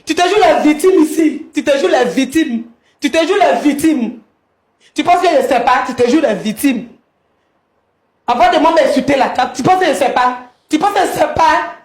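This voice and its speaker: Very high-voiced accusing woman. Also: expressive, normal speed, a little mellow, reverberant. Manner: accusing, repeats herself insistently. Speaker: show participant confronting her husband. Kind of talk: heated confrontation.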